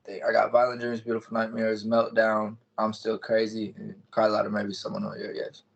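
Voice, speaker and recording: Low, even-toned young man, lo-fi audio. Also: moderate pace, vocal fry. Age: 20s. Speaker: music artist being interviewed. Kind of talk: casual interview chat. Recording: dull, lo-fi call audio.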